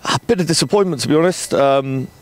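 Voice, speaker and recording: A man in his thirties, a rugby director, speaking in a frank, measured way with many ums and restarts, outdoors at a floodlit ground at night into a handheld mic. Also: a little high, crowd noise. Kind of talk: post-match interview. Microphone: handheld interview mic.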